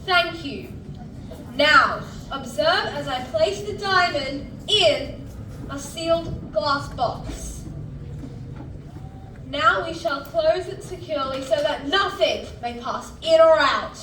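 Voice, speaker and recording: A woman's voice: sits high, takes it slowly, bright, forceful tone, slight background noise, heavily acted. A woman playing a showy French male scientist in a stage musical, speaking in a grand, formal, declamatory way. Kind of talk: stage musical acting, theatrical presentation. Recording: distant, echoey stage recording with music.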